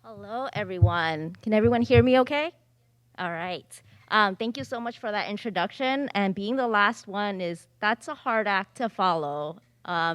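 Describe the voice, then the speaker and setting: A woman's voice: medium pitch, fairly bright tone, dry recording. A woman in her thirties giving a casual, upbeat panel talk on stage in a library theatre. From Southern California, United States. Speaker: panelist speaking on finance.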